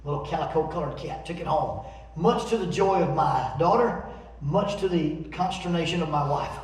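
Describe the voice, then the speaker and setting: A man preaching a sermon in a church, telling stories in a folksy, animated way. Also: fairly high pitch, normal speed. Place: church sanctuary. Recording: echoey church from far off.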